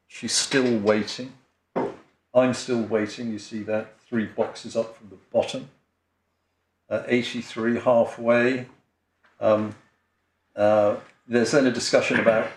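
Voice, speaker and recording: A man's voice: medium pitch, fairly even intonation, slow pace, pauses often. An English man, a barrister addressing appeal judges, speaking hesitantly with frequent ums, restarts and apologies. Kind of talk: courtroom legal submission. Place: large courtroom. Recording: roomy courtroom audio.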